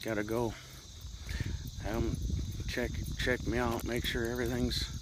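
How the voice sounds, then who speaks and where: A man's voice: medium pitch, level tone, a little slow, background noise. A middle-aged man in a casual, rambling walk-and-talk monologue, slightly winded as he walks outdoors. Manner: rambling, reflective, talking while walking. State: slightly winded from walking uphill. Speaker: vlogger.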